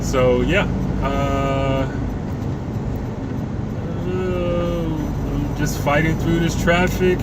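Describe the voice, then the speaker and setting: A man in his mid-thirties talks from the cab of a moving truck, heavy road and engine noise rumbling loudly under his voice. He rambles and jokes, swears freely, and restarts his sentences often, all in a middle pitch. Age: 30s. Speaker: truck driver and vlogger. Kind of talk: casual rambling monologue while driving.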